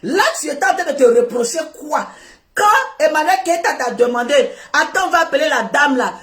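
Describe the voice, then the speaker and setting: A high-pitched woman delivers a heated rant straight at a man, scolding, repeating herself and bursting into shouts. Her voice rings around an echoey room. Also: animated, brisk. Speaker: online commentator.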